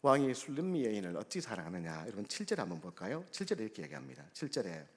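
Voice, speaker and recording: A man's voice: medium pitch, sing-song, quick pace, creaky. Pastor guy preaching in a church, voice jumps all over, long hall reverb. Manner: emphatic preaching with sharp swings in loudness, acting out quoted voices. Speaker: guest pastor. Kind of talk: sermon. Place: church sanctuary.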